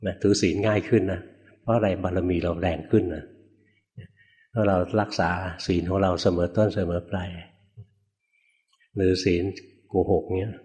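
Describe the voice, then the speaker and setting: An older man, a Buddhist monk, gives a dharma talk in a deep, low voice. He talks in a plain, folksy way and chuckles at his own stories. He keeps turning to his listeners with questions. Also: steady tone, moderate pace, pauses often, a little mellow.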